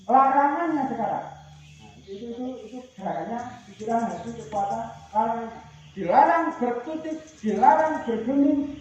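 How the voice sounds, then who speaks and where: A man's voice: very high voice, a little hiss or hum. A man leading group games at a training outing, calling out commands and teasing the group. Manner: shouted commands, joking and teasing. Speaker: outbound training facilitator. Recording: distant, roomy, muffled.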